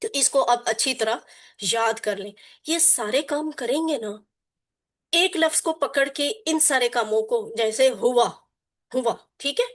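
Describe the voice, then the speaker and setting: A woman's voice: on the high side, unhurried. A woman teaching a Quran Arabic class, drilling her students with repetition and call-and-response and mixing in English terms. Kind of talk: online class lesson.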